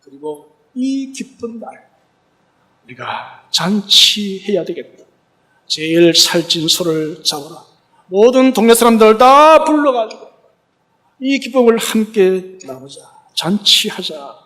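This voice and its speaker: Man doing a forgiving old father, overjoyed, commanding, high voice. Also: sing-song, slow, fairly bright tone, exaggerated voice. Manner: exclaiming, commanding servants. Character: joyful forgiving old father welcoming his son.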